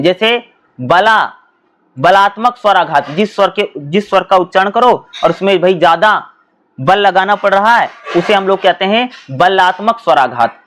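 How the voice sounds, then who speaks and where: Man, high-pitched voice, exam-prep teacher, repeats himself, self-answered questions. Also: fairly bright tone. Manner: often repeats himself and addresses students as bhai. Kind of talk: explanatory exam lesson.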